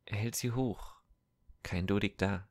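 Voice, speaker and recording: A man reading a kind, thoughtful teenage boy in an audiobook, gentle and earnest. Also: on the low side, fairly even intonation, unhurried, natural voice. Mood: urgent.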